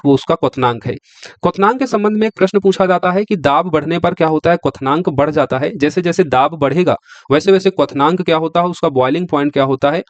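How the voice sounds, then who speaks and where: A man's voice: fairly high pitch, no room sound. A male teacher giving an exam-prep science lecture who keeps asking the class questions and answering them himself. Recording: dry, slightly dull lo-fi sound.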